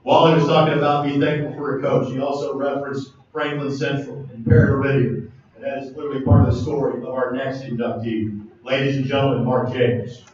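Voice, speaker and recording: A man in his forties acting as banquet emcee, introducing an inductee and reading his credentials in steady lists. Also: medium pitch, fairly quick. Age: 40s. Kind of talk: formal introduction speech. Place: large banquet hall. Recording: echoey hall, distant muffled mic, faint noise.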